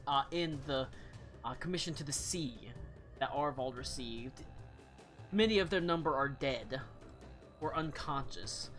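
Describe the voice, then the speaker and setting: A man's voice: a little high, a bit bright. A man narrating as game master of a tabletop game, casual and full of fillers as he describes the scene.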